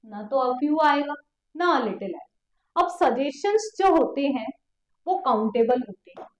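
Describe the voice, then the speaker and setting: High-voiced woman teacher, slow and echoey. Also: animated. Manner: explains step by step, repeats key words, quizzes students with questions. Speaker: exam prep teacher. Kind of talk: online exam coaching lesson.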